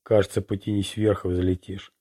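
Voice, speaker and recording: A man narrating a fantasy novel chapter in a steady, even reading. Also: low-pitched, normal speed. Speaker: audiobook narrator. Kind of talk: scripted narration.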